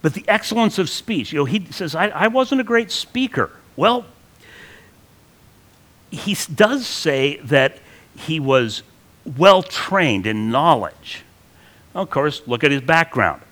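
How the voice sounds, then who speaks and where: Lively, bright-voiced male preacher. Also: on the high side, takes it slowly, pauses often. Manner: conversational, lively teaching with frequent restarts. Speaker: pastor. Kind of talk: sermon.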